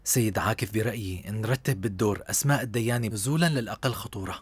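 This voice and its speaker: A man's voice: lowish voice, very fast, natural voice. A man dubbing a polite assistant who advises his boss in a TV drama. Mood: calm. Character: calm scheming male assistant. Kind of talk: dubbed TV drama.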